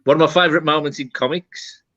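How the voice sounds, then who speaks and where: A man's voice: fairly high pitch, fairly even intonation, quick pace, a bit bright, no echo, highs cut off. A man with a Birmingham accent co-hosting a podcast, talking in a rambling way with many fillers about comics. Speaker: podcast co-host. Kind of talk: casual chat.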